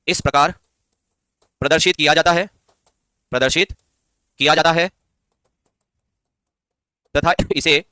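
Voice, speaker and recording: A man's voice: on the high side, bright, forceful tone, dry recording, studio quality. A man teaching an online class, repeating key points and quizzing his students as he goes. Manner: reads comments aloud and answers them; chants verses slowly. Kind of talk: online Hindi grammar class.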